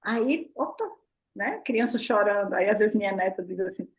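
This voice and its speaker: A woman's voice: medium pitch, normal speed. An older woman speaking as a therapist, in a casual, playful talk, often asking herself questions. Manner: lively, playful, full of "né?" and rhetorical "o quê?". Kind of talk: casual explanatory talk to a live online audience.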